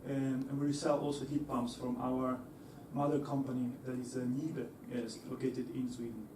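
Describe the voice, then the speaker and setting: Amid a noisy background, a young man gives an engineering talk to a lecture-hall audience, his voice distant and echoing. He speaks at normal speed in a mid-range, level tone, hesitating, restarting often, using fillers, and laughing easily.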